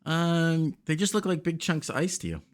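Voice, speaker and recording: A man narrating a tabletop game as game master, halting and often correcting himself as he describes things. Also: fairly high pitch, expressive. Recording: faint background noise.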